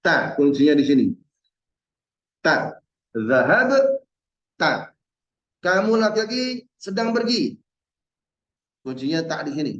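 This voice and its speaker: A male teacher in an online Arabic lesson, patiently drilling verb forms and repeating each word slowly. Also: a little high, sing-song, a bit bright. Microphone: video call. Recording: roomy and dull-sounding.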